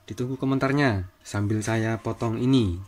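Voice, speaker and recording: A man guides viewers through a hands-on repair in an informal tutorial, narrating his work in short steps. He speaks at a moderate pace in a fairly low voice, with background noise present.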